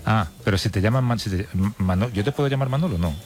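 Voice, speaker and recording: A man's voice: lowish voice, quick pace, slight background noise. Bantering Spanish-speaking male radio host. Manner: bantering, hesitant restarts. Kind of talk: casual radio chat.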